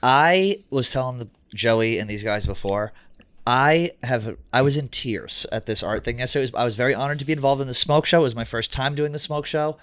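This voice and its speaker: Mid-pitched man hosting a casual podcast. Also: a little fast, fairly bright tone, clear, resonant tone, no room sound. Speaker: podcast host.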